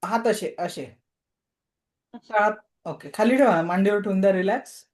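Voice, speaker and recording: A woman teaching an online reiki class, giving calm, repetitive guided-healing commands over a video call. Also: medium pitch, normal speed.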